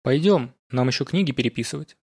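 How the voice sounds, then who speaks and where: A man playing an unhurried, teasing older scholar. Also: medium pitch, animated, creaky, darkish tone, husky. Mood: gentle. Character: calm, teasing older male scholar comrade.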